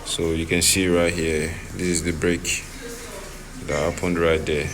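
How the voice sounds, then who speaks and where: A trading vlogger with a deep, level voice speaks a little slowly, repeating phrases and checking the listener keeps up in casual commentary. Filmed on location, partly in a noisy hospital, the audio has a background crowd and an uneven level.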